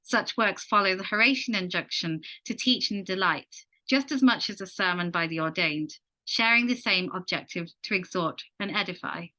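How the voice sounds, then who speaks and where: A woman's voice: mid-range voice, moderate pace, sharp tone, low-quality recording. A woman giving an academic lecture, fluent in her prepared text and apologetic when answering questions. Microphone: video call.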